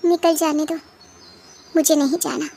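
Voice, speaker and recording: Woman as a young cartoon wife, hurt and proud, indignant, firm, very high voice. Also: level tone, a little slow, gravelly, warm tone. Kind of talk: cartoon voice acting.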